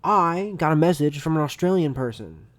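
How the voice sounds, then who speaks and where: A man co-hosting a casual podcast chat who rants loudly, swears and jokes around. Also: fairly high pitch, expressive, moderate pace. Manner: loud, joking, profane rants with mock voices. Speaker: podcast co-host.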